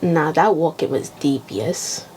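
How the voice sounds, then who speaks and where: A woman's voice: sits low, lively intonation, takes it slowly, darkish tone, a little hiss or hum, rough recording. A young woman co-hosting a podcast, chatting casually and bluntly and swearing freely as she retells her week. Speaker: podcast co-host. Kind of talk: casual chat.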